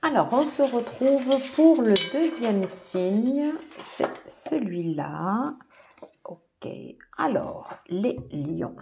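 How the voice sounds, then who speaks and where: A woman giving a casual tarot reading to her viewers, soft-spoken and peppered with fillers like "voilà" and "alors". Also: a little high, sing-song, drawn-out words, creaky, background noise. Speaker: tarot reader.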